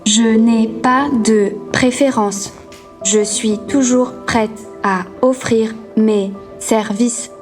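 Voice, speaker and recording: A woman voicing a polite, emotionless AI assistant, speaking like a smart speaker in a measured, impassive way. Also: on the high side, steady tone, a little mellow, faint music behind. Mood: neutral, obliging.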